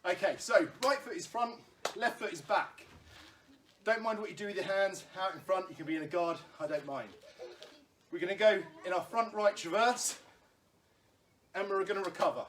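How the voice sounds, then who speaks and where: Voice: medium pitch, moderate pace, a bit bright, a little hiss or hum. A stage combat instructor teaching footwork at home, explaining each step patiently and reassuringly, with the odd light laugh, while calling out drills to follow. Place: room at home during lockdown. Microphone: camera in front of a standing speaker.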